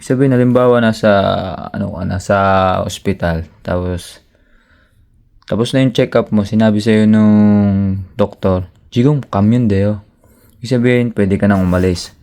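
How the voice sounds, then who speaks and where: A man gives a relaxed grammar lesson in a fairly low, mellow voice. His tone is smooth and clear, and he jokes with his viewers and switches languages to read example sentences. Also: normal speed. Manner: casual, joking, switches between languages to give example sentences. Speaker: language teacher.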